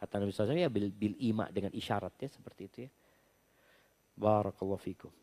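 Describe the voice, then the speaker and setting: An Islamic preacher, a man with a lowish voice, reads audience questions aloud and answers them at a racing pace. He works through each point in a relaxed, conversational manner during a religious question-and-answer talk.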